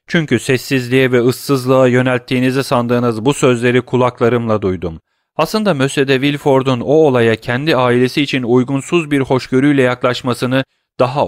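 A man's voice: medium pitch, dry recording, clean studio sound, natural voice. A man voicing a grieving, impassioned young lover who speaks in urgent, accusing and pleading tones.

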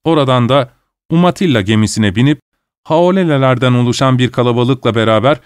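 Guy reading an audiobook, steady middle voice, measured storytelling, dry close mic. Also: mid-range voice, clean tone, no echo. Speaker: narrator. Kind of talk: audiobook narration.

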